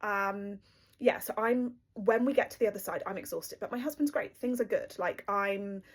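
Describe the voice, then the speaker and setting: A woman's voice: mid-range voice, moderate pace. A young woman from the UK telling her story in a casual, breathless rush, with lots of fillers. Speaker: storyteller recounting her marriage.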